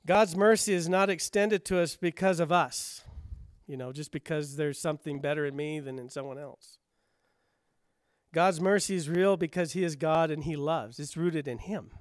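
Male pastor, sermon delivery, high smooth voice, emphatic questions, dry close sound. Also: dry recording. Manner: emphatic rhetorical questions, rising then dropping to quiet.

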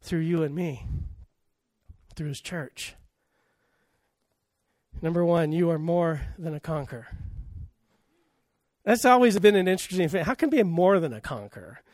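High-voiced emphatic male preacher. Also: animated, measured pace, pauses often, a little mellow, dry recording, clean studio sound. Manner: emphatic, with rhetorical questions and swings in volume. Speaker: pastor. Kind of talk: sermon.

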